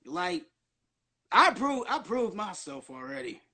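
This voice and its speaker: A man's voice: sits high, very animated, takes it slowly, bright, forceful tone. A man in his early twenties rambling nonstop on a casual livestream, slangy and full of swearing. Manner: profane, slangy. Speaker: guest on a social media live stream.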